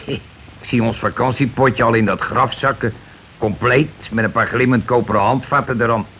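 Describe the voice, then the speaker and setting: In a Dutch radio play, an actor voices a bossy, scheming working-class husband who argues bluntly in everyday speech, grumbling here. His mid-range male voice is fairly bright and natural, with fairly even intonation and a moderate pace, captured on a dull, noisy old radio recording.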